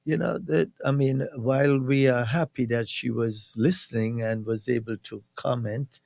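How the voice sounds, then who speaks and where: Kittitian guy on a radio interview, bit of creak, says it straight, really dry room. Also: medium pitch, steady tone, normal speed, darkish tone, no room sound. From Saint Kitts. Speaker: guest, national security advisor. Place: radio studio.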